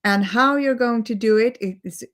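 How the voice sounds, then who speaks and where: A native Swedish speaker with a Swedish accent gives a gentle, earnest live-stream talk as a holistic healing coach, repeating words for emphasis. Her voice sits on the high side and she speaks at normal speed.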